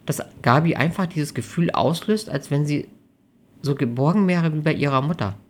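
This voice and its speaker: A reader of a German audiobook voicing an insecure, tearful young woman in her twenties who speaks high and hesitantly, often restarting her words. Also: normal speed, lightly acted. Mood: anxious. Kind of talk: audiobook reading.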